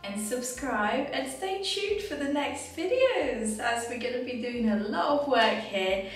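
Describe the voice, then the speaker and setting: A woman's voice: sits high, animated, a little slow. A woman vlogger touring an empty house and garden, gushing and exclamatory as she walks the camera around. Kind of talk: casual house tour vlog. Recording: echoey rooms, far from mic, music behind.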